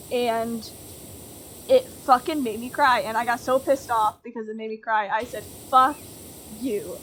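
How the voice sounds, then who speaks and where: Young woman streamer just rambling while gaming, high voice, swears a lot, bit of hiss in the background. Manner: rambling, swears freely, laughs things off. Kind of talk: casual chat while gaming.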